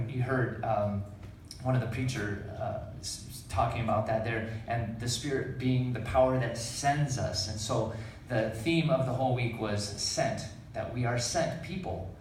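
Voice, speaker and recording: Man speaking haltingly in a very echoey room. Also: mid-range voice, darkish tone. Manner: halting, explanatory, with repeated phrases. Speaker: church speaker introducing others. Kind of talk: informal church talk. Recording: very echoey room, distant mic, faint noise.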